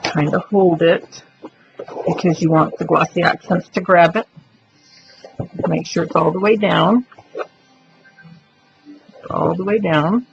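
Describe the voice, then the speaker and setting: Woman, craft tutorial, gravelly voice, chatty step-by-step talk, dull lo-fi sound with faint hiss. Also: fairly low pitch, fairly even intonation, takes it slowly, pauses often. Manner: chatty, explains while working, thinks aloud. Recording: dull lo-fi recording with faint noise.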